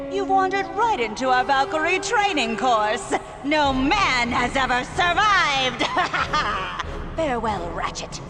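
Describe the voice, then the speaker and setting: A woman playing a mocking, vengeful female warrior villain in a video game, sultry and theatrical. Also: high voice. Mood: gloating.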